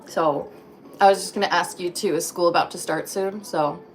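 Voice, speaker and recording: A woman's voice: fairly low pitch, fairly even intonation, moderate pace, soft background music. A woman in her thirties chatting casually on a livestream from her home kitchen, greeting viewers by name. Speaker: livestream host. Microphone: phone.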